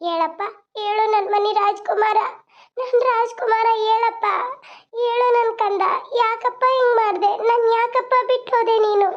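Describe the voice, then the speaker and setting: A woman's voice: extremely high pitch, fairly even intonation, normal speed. A woman voicing a grieving young mother with a North Karnataka Kannada accent, mourning her newborn in a pleading lament. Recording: dull lo-fi sound.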